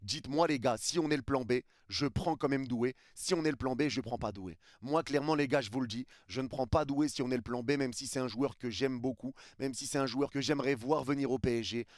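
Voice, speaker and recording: A man's voice: mid-range voice, a little fast, hardly any pauses, no echo. Emphatic French-speaking man, dry close sound. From France. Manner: emphatic, repetitive, addresses viewers as "les gars". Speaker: football news YouTuber. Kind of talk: opinionated casual commentary to camera.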